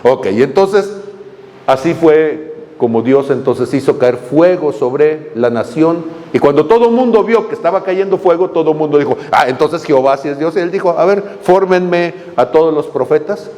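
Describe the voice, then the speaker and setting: Animated pastor preaching in a reverberant hall. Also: male voice, fairly high pitch, moderate pace. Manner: animated storytelling with humor and voiced quotes. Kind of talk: sermon. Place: church hall. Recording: long reverb in a hall, faint noise.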